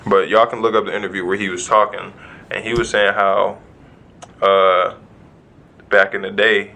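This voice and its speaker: Male podcast co-host, gravelly and sharp-toned, low pitch, rambling delivery. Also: little pitch movement, moderate pace, rough recording. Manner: rambling storyteller, heavy "like" fillers. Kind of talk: casual chat.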